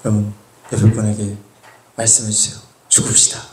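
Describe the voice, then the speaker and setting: A man preaching a Sunday sermon as pastor, animated, acting out scolding voices and prompting the congregation with frequent interjections. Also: a little high, normal speed, crowd noise. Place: church sanctuary.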